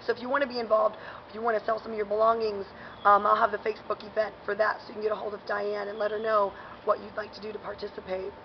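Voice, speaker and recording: A woman's voice: medium pitch, level tone, quick pace, highs cut off, slight background noise. A woman hosting a casual local events vlog, talking in a chatty, upbeat way with lots of fillers, outdoors in a parking garage while chewing gum. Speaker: host.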